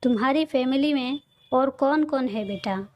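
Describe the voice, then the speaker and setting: A woman's voice: high voice, normal speed, darkish tone, close to an everyday voice. A woman voicing a kindly, encouraging middle-aged father, in a read-aloud audio story.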